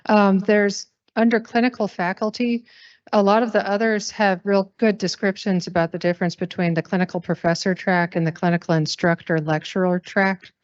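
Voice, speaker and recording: A woman's voice: medium pitch, fairly even intonation, normal speed, dry recording. A woman faculty senator and surgeon, candidly asking questions at a meeting in an auditorium. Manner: candid, slightly self-deprecating. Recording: dry, dull lo-fi sound.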